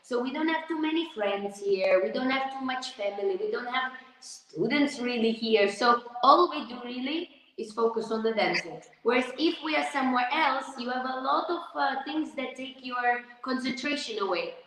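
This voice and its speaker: A woman's voice: fairly high pitch, animated, normal speed, a bit bright. A woman from Lithuania, a dancer speaking earnestly and reflectively in a live video-call interview. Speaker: dancer guest. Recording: echoey room with long reverb.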